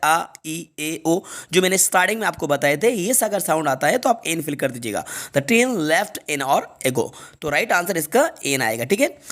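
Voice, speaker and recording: An Indian man teaching an English grammar lesson for exam preparation, explaining step by step and reading each example sentence slowly, often twice. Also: sits high, a bit bright.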